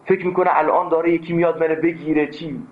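Brief: male lecturer, emphatic and animated, somewhat high voice, tinny phone-quality recording. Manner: emphatic, animated, tells anecdotes. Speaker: teacher of philosophy. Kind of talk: classroom lecture.

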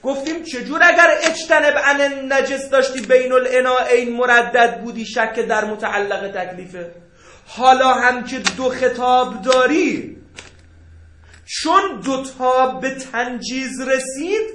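Lively high-voiced man teaching a class. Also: slight background noise. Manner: animated, joking, rhetorical questions. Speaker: seminary teacher. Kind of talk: jurisprudence lecture to students. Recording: echoey room.

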